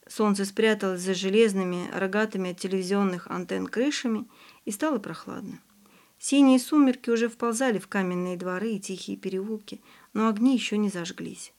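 A woman narrating an audiobook in a calm, even storytelling voice. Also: medium pitch. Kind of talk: scripted narration.

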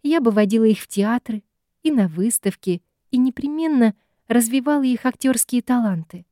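A woman's voice: on the high side, normal speed, mellow, no echo, clean studio sound, voice pushed up, natural voice. A woman putting on a gushing, theatrical ghost mother. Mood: tender. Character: doting, meddling ghost mother, middle-aged woman.

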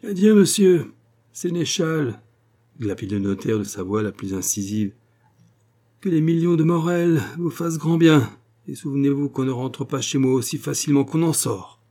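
A man's voice: on the low side, big pitch swings, measured pace, dark tone, slightly rough, exaggerated voice. A man voicing a cold, sarcastic small-town notary in an audiobook, speaking in an icy, cutting, ironic tone. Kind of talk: audiobook character reading.

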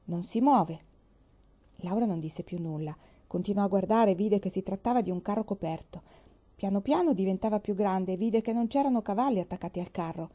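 Mellow-voiced woman reading a story aloud. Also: medium pitch, a little fast. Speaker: audiobook reader. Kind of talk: scripted storybook narration. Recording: muffled lo-fi recording.

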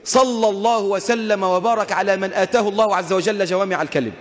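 Man, Egyptian accent, preaching, rapid delivery, rhetorical questions, reverberant hall. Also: sits high. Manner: impassioned, rising to shouts, rhetorical questions. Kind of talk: sermon.

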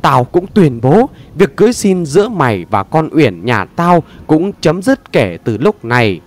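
A blunt middle-aged mother lectures and scolds without pause, as a male narrator plays her. Her voice swings widely as she nags in this storybook telling. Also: on the high side, sing-song. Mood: defiant.

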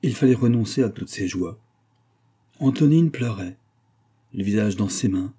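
Male audiobook narrator, very dark, husky tone, expressive literary reading. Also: lowish voice, moderate pace. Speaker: audiobook reader. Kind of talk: scripted narration.

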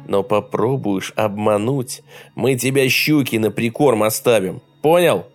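A man's voice: lowish voice, a little slow, soft background music. Coarse bandit boss man, bullying and crude, snarling threats, as a narrator puts him on. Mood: rough threatening.

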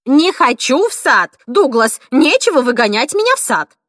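A woman reading an audiobook, voicing a cantankerous 86-year-old woman who snaps and scolds in a shrill, indignant voice. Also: sing-song, normal speed, a bit bright, no room sound, clean studio sound. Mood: defiant.

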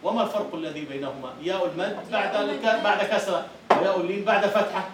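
A man's voice: high voice, fast talker, heavy background noise. A man with an Egyptian accent giving a university lecture on Arabic prosody, quizzing his students and repeating their answers. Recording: echoey lecture hall, far from the mic.

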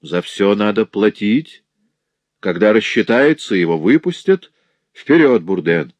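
A man doing a gruff, bullying bailiff. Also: lowish voice, animated, unhurried, no echo. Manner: loud, mocking and gruff. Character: coarse rude male bailiff, bullying.

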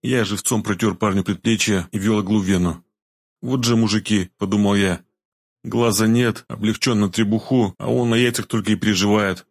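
Husky guy reading an audiobook, calm and matter-of-fact. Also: on the low side, a little fast, no room sound. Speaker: audiobook narrator. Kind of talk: first-person audiobook narration.

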